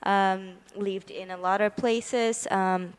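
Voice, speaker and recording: A woman's voice: medium pitch, fairly even intonation, slow pace, smooth. A woman in her thirties chatting casually and playfully on a livestream, teasing and laughing. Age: 30s.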